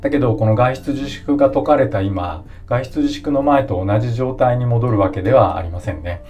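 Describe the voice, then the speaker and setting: A man hosting a solo podcast, explaining his points one by one in a calm, polite way. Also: mid-range voice, fairly quick, faint music behind. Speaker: podcast host.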